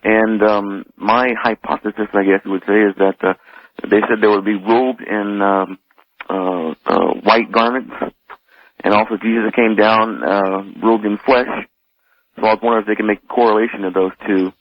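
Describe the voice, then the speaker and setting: A man calling in to a radio show, talking in a halting, hesitant way with many pauses. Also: on the low side, steady tone, dry recording. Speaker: caller. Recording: dry lo-fi radio call.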